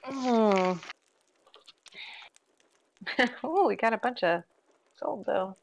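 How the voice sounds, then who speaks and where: Casual woman streamer with gravelly voice. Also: fairly high pitch, very slow, rough recording. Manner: relaxed, swears casually, laughs often. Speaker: streamer playing a farming game. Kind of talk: casual gameplay chat.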